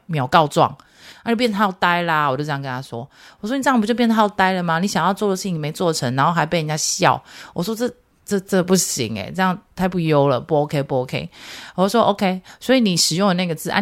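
A woman in her thirties with a Taiwanese Mandarin accent hosts a parenting podcast in a chatty monologue. Her voice sits a little low, and she drops in casual filler particles. She animatedly acts out both sides of conversations with her child.

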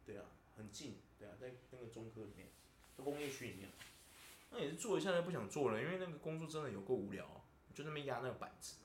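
A man with a mid-range, expressive voice and a Taiwanese Mandarin accent vents quickly on his podcast in casual chat, repeatedly asking "you know?". A faint hiss or hum sits under the roomy echo.

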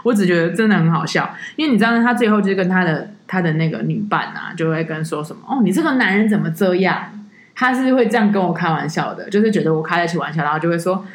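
In an echoey room, a podcast co-host with a lowish voice rattles off tour-leading stories fast and with few pauses. She's an animated storyteller who acts out the people she quotes in this casual chat.

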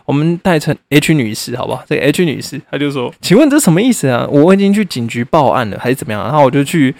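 A young man, hosting a podcast and telling a story in a blunt, animated way, swearing and laughing often. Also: medium pitch, vocal fry, no echo. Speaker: podcast host. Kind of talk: casual storytelling monologue.

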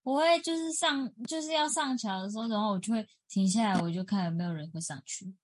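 A woman's voice: medium pitch, quick pace, dry recording. Casting: woman, podcast co-host, chatty storyteller, dry close mic. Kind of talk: casual chat.

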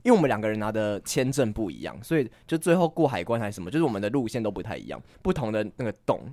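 A man chatting on a podcast, telling a long personal anecdote at a quick clip with a lively, bouncing pitch. He rambles through fillers and restarts. The sound is close and dry. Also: no room sound. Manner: rambling, lots of fillers and self-laughs. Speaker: guest. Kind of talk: casual podcast chat, storytelling.

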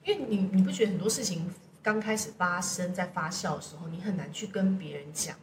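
Taiwanese-accented woman chatting, low-voiced and echoey. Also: brisk. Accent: Taiwanese Mandarin. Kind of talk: casual podcast chat. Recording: roomy echo, distant mic, noisy background.

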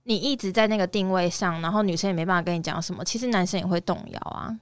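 A woman's voice: lowish voice, fast, clean tone, no echo, studio quality. A woman co-hosting a podcast in casual chat, putting in short agreements and questions. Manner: chatty, frequent short agreements. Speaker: podcast co-host.

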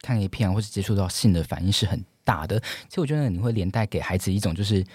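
A man's voice: on the low side, very fast, darkish tone, breathy edge, no echo. A man in a casual podcast chat, frank and jokey in his opinions.

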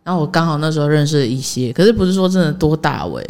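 A woman's voice: sits low, lively intonation, quick pace, a little mellow. A young woman with a Taiwanese Mandarin accent, co-hosting a casual podcast chat and making dry, teasing remarks. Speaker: podcast co-host.

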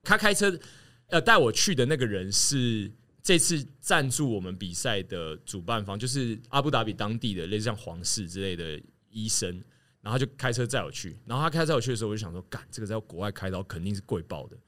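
A man telling a story in casual chat, animated and laughing as he acts out what others said. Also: on the low side, fast talker. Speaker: podcast guest telling a story.

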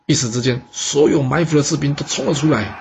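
A man telling a history story in a lively, chatty way. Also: on the high side, gravelly, noisy background. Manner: lively, chatty, drawn-out particles. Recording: dull lo-fi recording.

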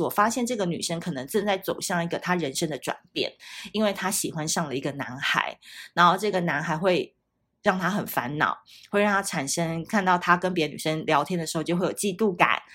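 A woman's voice: lowish voice, fairly bright tone. A woman, hosting a casual solo podcast in a chatty, playful way. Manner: chatty, playful, laughs often. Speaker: podcast host.

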